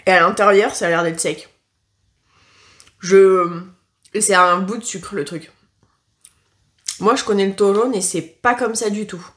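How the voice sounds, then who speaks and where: A woman giving a casual taste-test review to camera, talking frankly and often pausing on filler sounds and restarts. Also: medium pitch, fairly even intonation, fairly bright tone. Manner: chatty and frank, leaning on "franchement" and "concrètement"; hesitant, with frequent filler sounds and self-corrections. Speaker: food tasting vlogger.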